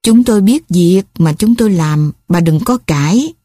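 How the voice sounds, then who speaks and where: A woman's voice: fairly low pitch, expressive, moderate pace, dark tone, no room sound, clean studio sound. A woman voicing a brusque, impatient male clinic clerk in an audiobook story, speaking curtly. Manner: curt, impatient.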